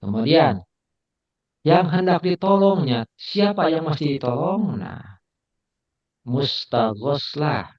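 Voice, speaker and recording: A man's voice: a little high, animated, slow, long pauses. A man teaching Arabic grammar in an online class, patient and repetitive, sometimes laughing at his own slips. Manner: patient, repeats phrases, admits slips with a laugh. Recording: dull lo-fi online call audio.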